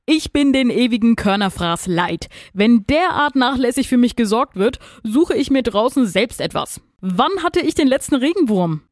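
A woman voicing a pompous, bossy farmyard rooster in a storybook reading, blustering and loud. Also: a little high, animated, moderate pace, hardly any pauses, no echo, clean studio sound, voice pushed up, natural voice. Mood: grumbling.

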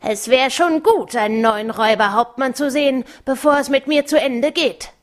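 A woman's voice: high-pitched, moderate pace, voice pushed up, close to an everyday voice. A woman voicing a rickety, bald old robber in a storybook reading, grumbling and impatient. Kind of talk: audiobook reading.

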